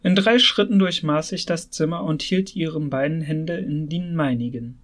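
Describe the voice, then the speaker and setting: A man's voice: fairly high pitch, moderate pace, fairly bright tone. A man narrating a novel as an audiobook, reading expressively with strong emotion in the first person. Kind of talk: scripted literary narration.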